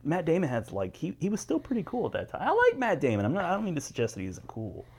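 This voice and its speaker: A man's voice: fairly high pitch, wildly swooping pitch, fast, slightly rough. A man co-hosting a podcast, rambling through stories and laughing often in casual banter. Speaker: podcast co-host.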